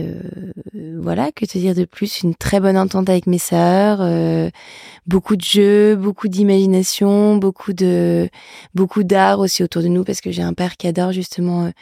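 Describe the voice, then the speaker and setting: Gravelly-voiced businesswoman from northern France. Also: fairly low pitch, no echo, studio quality. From Lille, northern France. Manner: relaxed, frequent hesitations. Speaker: entrepreneur guest. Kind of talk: interview conversation.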